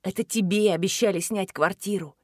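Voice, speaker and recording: A woman reading an audiobook voices a fierce, scornful teenage girl who hisses and shouts in sharp indignation. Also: mid-range voice, fairly quick, no echo, studio quality, close to an everyday voice. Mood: bitter. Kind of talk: audiobook character voice.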